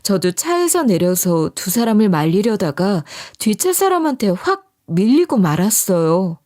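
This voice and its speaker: Expressive woman narrating a true story. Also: mid-range voice. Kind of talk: first-person story narration.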